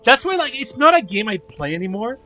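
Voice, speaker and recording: A man's voice: very high-pitched, very animated, brisk, bright, forceful tone, faint music behind. Laughing, swearing young man streamer. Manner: laughing, profane, rambling storytelling. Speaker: gaming streamer. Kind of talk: casual chat while playing.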